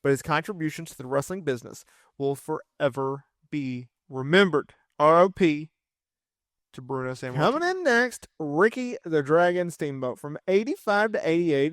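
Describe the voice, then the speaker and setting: A man in his thirties hosting a casual wrestling list video, chatty and quick to correct himself. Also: on the high side, a bit bright, dry recording, studio quality. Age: 30s. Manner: chatty, self-correcting, fan enthusiasm. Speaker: wrestling commentary host.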